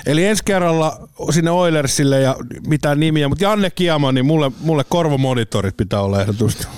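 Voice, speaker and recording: Tell it as a man hosting a casual talk show, animated and full of impressions, with a slightly sore throat. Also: fairly high pitch, clear, resonant tone, clean studio sound. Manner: animated, mimics voices and echoes in his stories. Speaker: podcast host. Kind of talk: casual chat, storytelling. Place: studio.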